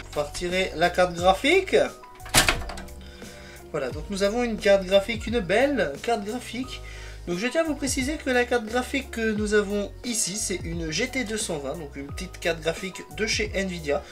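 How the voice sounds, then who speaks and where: A man's voice: high-pitched, moderate pace. Male vlogger, casual tech teardown, chatty and self-correcting, faint music bed. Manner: rambling, self-correcting, fond of "donc". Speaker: tech video creator. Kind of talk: casual hands-on tech vlog.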